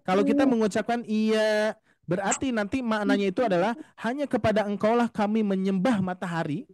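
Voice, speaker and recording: A man's voice: high-pitched, darkish tone, no echo, studio quality. A man teaching Quran recitation in an online class, explaining patiently and addressing his students politely. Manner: patient, explains slowly, often addresses "Bapak Ibu", models recitation drawn out. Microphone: video call.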